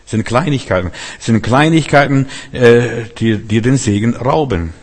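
A man's voice: medium pitch, animated, moderate pace. A man preaching a sermon who tells the stories vividly, acts out the dialogue of the figures himself and repeats key phrases for emphasis. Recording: long hall reverb.

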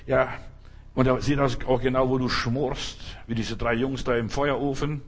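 A man's voice: medium pitch, flat delivery, normal speed. A man preaching a fervent sermon, repeating his points and calling out Hallelujah.

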